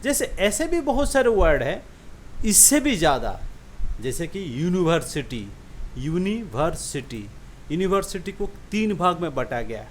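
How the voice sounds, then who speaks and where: A man teaching an English lesson, sounding out example words slowly and often asking the listener if it is clear. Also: sits high, slight background noise. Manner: repeats example words slowly, checks understanding with questions. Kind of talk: classroom-style lesson explaining syllables.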